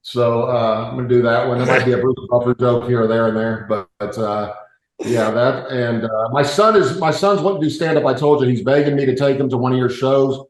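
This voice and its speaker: A man's voice: medium pitch, steady tone, a little fast, echoey room, rough recording. A man in casual podcast chat, rambling with lots of fillers and restarts.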